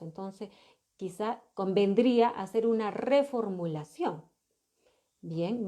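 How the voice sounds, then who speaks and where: A woman's voice: medium pitch, dark tone. Patient woman teaching parents. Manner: patient, explanatory, asks rhetorical questions. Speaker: psychologist giving a parenting lesson. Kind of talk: educational talk to parents.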